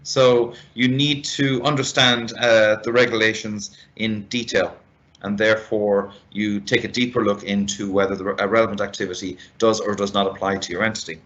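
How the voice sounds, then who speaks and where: A man's voice: lowish voice, level tone, fairly bright tone. A man giving an expert step-by-step business presentation, methodical and speaking straight to his listeners. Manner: methodical, deliberate, addresses listeners directly. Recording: dull, lo-fi band-limited sound.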